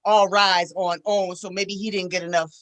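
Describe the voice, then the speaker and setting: A woman's voice: medium pitch, level tone, moderate pace. A woman co-hosting a podcast, emphatic and indignant in casual chat. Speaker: podcast co-host.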